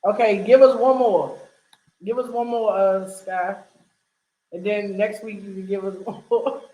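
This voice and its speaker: A woman's voice: medium pitch, fairly even intonation, unhurried, mellow, reverberant, rough recording. A woman co-hosting a casual podcast, teasing her co-host and talking to the viewers. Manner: playful, teasing, addresses viewers. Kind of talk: casual chat, tongue-twister game.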